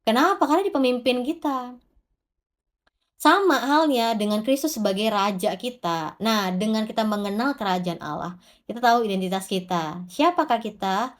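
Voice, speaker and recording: Woman preacher, kinda high voice, casual sermon talk, asks "why?" and answers it herself. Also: expressive, moderate pace. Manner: conversational, answers her own rhetorical questions; addresses the congregation directly. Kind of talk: informal devotional sermon.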